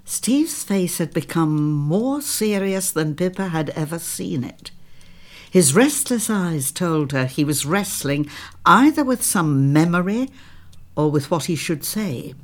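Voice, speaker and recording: Slow, calm male audiobook narrator. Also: fairly high pitch. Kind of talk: scripted narration.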